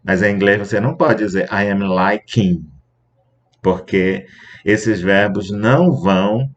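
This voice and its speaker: Man teaching English, muffled sound. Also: fairly low pitch. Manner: explains patiently, spells out letters, repeats English examples slowly. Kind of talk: recorded grammar lesson.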